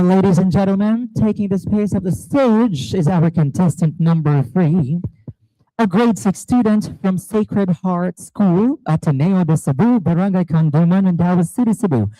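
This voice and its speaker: Filipino woman emcee, very dark mellow tone, formal measured announcing, dry sound. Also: fairly low pitch, no room sound, rough recording.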